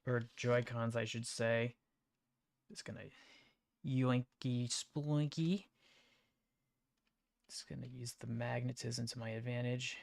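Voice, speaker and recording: A woman's voice: extremely low pitch, completely flat delivery, moderate pace, vocal fry. A woman casually chatting while she streams a video game, playful and a bit silly. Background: faint background game music.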